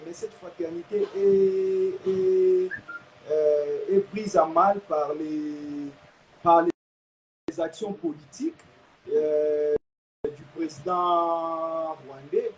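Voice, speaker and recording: A man from Kinshasa with a Congolese French accent, speaking as a guest commentator in a halting way and often repeating words. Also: sits high, darkish tone, a little hiss or hum, low-quality recording.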